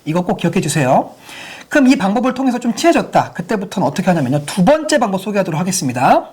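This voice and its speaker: A woman's voice: mid-range voice, very animated, fast, darkish tone, breathy edge. A woman giving a sex education lecture to parents, using many rhetorical questions to the audience.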